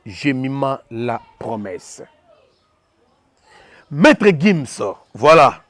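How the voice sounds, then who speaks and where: A Congolese commentator speaks fast and passionately, repeating himself as he shifts between French and Lingala. His medium-pitched voice is sing-song and a bit bright, with no room sound.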